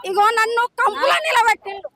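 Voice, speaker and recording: A woman's voice: very high-pitched, a little fast, background noise. A woman, answering reporters evasively and with irritation. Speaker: interviewee, sister.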